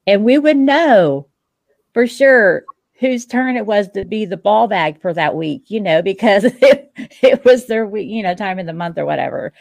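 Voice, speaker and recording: A woman's voice: mid-range voice, expressive, moderate pace, gravelly, darkish tone, dry recording. A woman in her fifties hosting a casual interview, chatty and frank, laughing often. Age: 50s. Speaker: podcast host.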